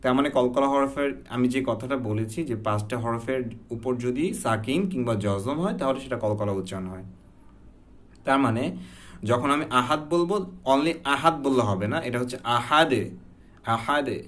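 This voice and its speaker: A man's voice: medium pitch, lively intonation, normal speed. Patient man demonstrating recitation sounds. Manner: mixes English words into his talk. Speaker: Quran recitation teacher. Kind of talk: explanatory lesson.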